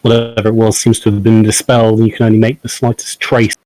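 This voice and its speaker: A man narrating as game master of a tabletop game, pausing often with ums and hedging words. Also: on the low side, little pitch movement, darkish tone, no room sound, rough recording. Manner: hesitant, many ums and "kind of".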